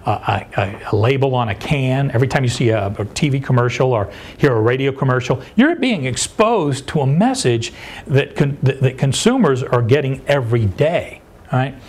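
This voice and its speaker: A man's voice: mid-range voice, normal speed. An older man, a sales consultant, giving a seminar talk and putting questions to his audience. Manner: animated, addresses audience with questions.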